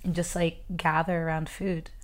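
A relaxed woman chatting as a dinner guest, her voice sitting a little low. She speaks in an easy, loose way, with "like" scattered through her sentences. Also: normal speed. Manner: easygoing, filler-heavy with "like". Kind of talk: casual dinner chat.

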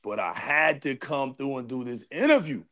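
A man's voice: mid-range voice, lively intonation, moderate pace, sharp tone. A man being interviewed as a guest on a livestream, talking from a workshop where his voice echoes around the room. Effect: room echo from a shop space.

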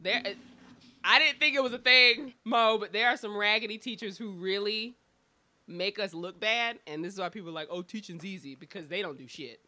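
A woman's voice: medium pitch, moderate pace, bright, forceful tone. A woman with a Southern US accent and drawl, talking bluntly and emphatically and swearing freely in a candid podcast chat. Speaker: schoolteacher.

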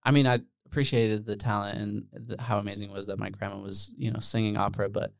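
A Netherlands-born man talks in a loose, easygoing way, full of ums and trailing tangents. His voice sits low and sounds smooth and clear. The recording is close and dry. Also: quick pace, dry recording. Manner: relaxed, rambling with many fillers. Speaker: podcast guest, musician. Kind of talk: casual interview chat.

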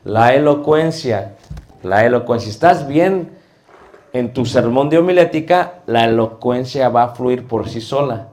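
Slow-speaking man teaching preachers. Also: mid-range voice, a little mellow. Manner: slow, deliberate teaching with rhetorical questions. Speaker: homiletics teacher. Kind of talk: classroom lecture on preaching.

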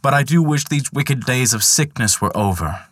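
An earnest young man from a storybook tale, his voice raised a little higher and brighter than the narration, as a man reading the tale puts him on, pleading his case with feeling. It sounds close and dry. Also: animated, moderate pace, no echo. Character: young man, carefree then indignant.

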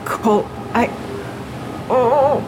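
A woman's voice: a little high, very slow, music in the background, rough recording. An actress playing a sardonic, weary, frazzled woman adventurer in an audio drama. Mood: exasperated. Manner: wry, weary, sarcastic.

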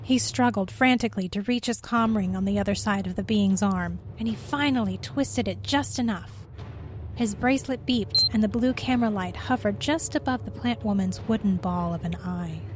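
A woman reads a scripted story aloud in a steady, even voice. Her pitch sits at a typical middle level for a woman. Her delivery stays measured through the narration. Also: a little hiss or hum.

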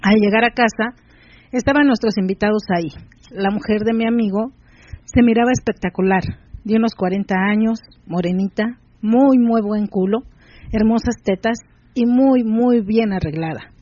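Host, steady erotic story reading, dull dry audio. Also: mid-range voice, normal speed, no echo. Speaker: podcast host.

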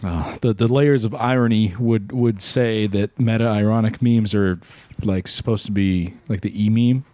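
A man co-hosting a podcast with casual banter, exclamatory and sweary, often restarting his sentences haltingly. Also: on the low side, fairly even intonation, warm tone, no room sound. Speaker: podcast co-host.

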